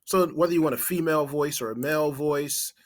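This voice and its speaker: Speaking briskly in a slightly high voice, a marketing trainer walks through an informal screen-share tutorial step by step, thinking aloud as he types.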